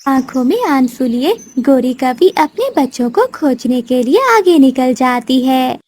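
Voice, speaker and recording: Reading a children's story from a script, a woman narrator uses a very high voice that moves about animatedly. She delivers it in an unhurried manner.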